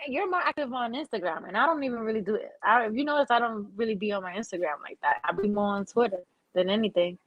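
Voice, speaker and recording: A woman's voice: medium pitch, fast talker, dull audio. A woman, pushing back hard in a casual sports debate and laughing often. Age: 40s. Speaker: co-host.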